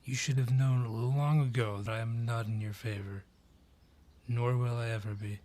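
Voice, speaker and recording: In a scripted audio roleplay, an actor plays a haughty male dryad nursing a grudge, drawing out every taunt with sardonic, contemptuous theatricality. His voice is medium-pitched and mellow, delivered at normal speed with fairly even intonation and a light touch of acting.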